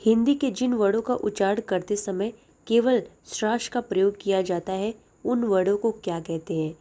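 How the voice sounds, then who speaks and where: A woman's voice: mid-range voice, normal speed, dark tone. A young woman teaching a lesson, reading out each exam question and then answering it plainly.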